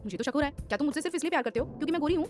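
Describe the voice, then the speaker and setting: A woman's voice: sits high, lively intonation, rapid-fire, pitched above the performer's own voice. A woman voicing a young girlfriend who chides and questions, with background music. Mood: chiding. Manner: chiding, questioning.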